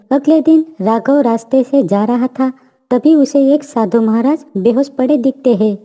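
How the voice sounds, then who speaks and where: Woman, narrator, storybook narration, steady, high pitch.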